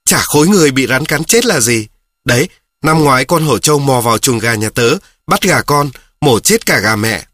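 A man's voice: a little high, expressive, pushed and bright, pitched above the performer's own voice. Man doing a hot-headed, argumentative schoolboy. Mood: heated, scornful. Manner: quick, heated, insistent. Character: feisty schoolboy arguing hotly with his friend.

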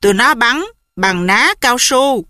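A blunt village woman lays out what happened in a scornful, matter-of-fact voice, as a woman reading the story puts her on. The voice is bright and high, and the recording is close and dry. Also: lively intonation, measured pace, no echo. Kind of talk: audiobook character voice.

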